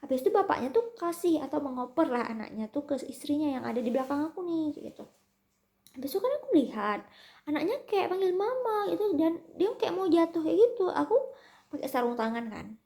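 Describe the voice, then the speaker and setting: A woman's voice: high-pitched, sing-song, fairly quick, dark tone. A young woman in her twenties telling a story in a casual vlog, chatty and slipping in English and German words. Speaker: vlogger.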